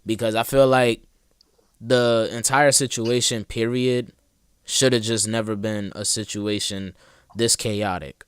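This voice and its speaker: A man's voice: lowish voice, fairly even intonation, a little slow, clear, resonant tone, dry recording, clean studio sound. A young man hosting a casual chat, talking bluntly in slang with lots of "like" and "bro". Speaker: host.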